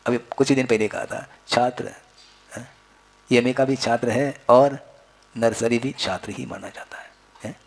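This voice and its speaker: A man's voice: mid-range voice, steady tone, unhurried, gravelly. A man giving a spiritual discourse as a wise religious teacher, instructing his listeners with rhetorical questions and repeated phrases.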